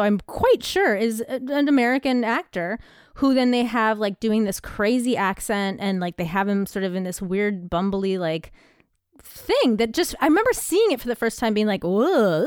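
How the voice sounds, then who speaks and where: A woman talks in a relaxed podcast chat with a slightly high voice. She is animated and fills her speech with "like," acting out little quotes as she goes. The sound is dry and close. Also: clean tone, dry recording. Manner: animated, quick asides with acted quotes; frequent fillers like "like". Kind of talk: casual conversation.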